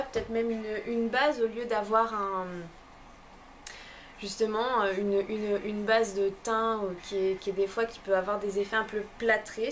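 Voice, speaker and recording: A woman's voice: mid-range voice, slight background noise. A young woman casually reviewing beauty products from a subscription box, hesitant, with many fillers and restarts. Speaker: beauty vlogger.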